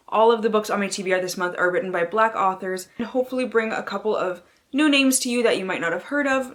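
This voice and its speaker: A woman with a mid-range, fairly bright voice hosts a book vlog channel, chatting casually to camera. Her delivery is wry and theatrical, with plenty of swearing and playful, dramatic readings of book blurbs.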